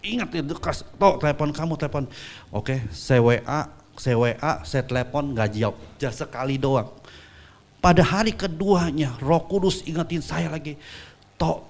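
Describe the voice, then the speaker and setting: A man preaching a sermon, telling a story with acted-out voices and swinging from soft asides to loud peaks. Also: on the high side, normal speed. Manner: acts out quoted voices in dialogue.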